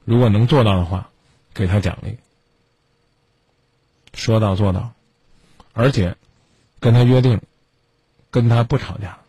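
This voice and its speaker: A man's voice: on the low side, measured pace, long pauses, warm tone, breathy edge, no echo. A man hosting a radio call-in advice show, scolding a caller in a stern lecture full of pointed questions.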